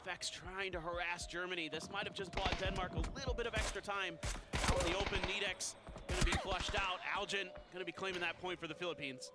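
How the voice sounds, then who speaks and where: Guy casting a battle royale match, pretty high voice, gets hyped fast. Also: over loud music. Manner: energetic, rising when action heats up. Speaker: esports caster. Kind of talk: play-by-play commentary.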